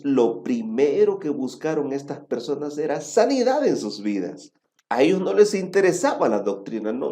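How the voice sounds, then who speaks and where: A man preaching a sermon, telling a story and often checking with his listeners with a quick "right?". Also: mid-range voice, mellow.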